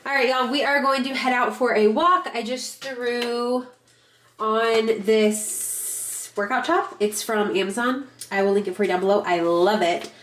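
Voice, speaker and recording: A young woman with a fairly high, bright voice speaks unhurriedly, a bit nasal after a recent cold. As a lifestyle vlogger, she chats casually and rambles, dropping in lots of fillers.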